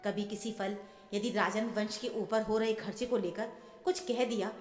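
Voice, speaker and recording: A woman telling a scripted emotional family story in an earnest, measured manner. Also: mid-range voice, fairly even intonation. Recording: echoey with long reverb, soft music. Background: soft background music.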